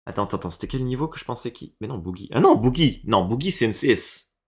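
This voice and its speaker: A man from France giving casual reaction commentary on video game levels, swinging between low mutters and excited, swearing outbursts. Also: fast. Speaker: reaction streamer.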